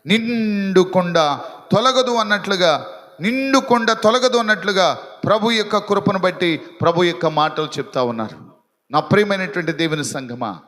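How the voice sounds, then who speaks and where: Bright-voiced pastor preaching in a reverberant hall. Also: male voice, high voice. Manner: preaching with rising intensity and repetition; teasing the congregation about sleeping. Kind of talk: sermon. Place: church hall with live congregation.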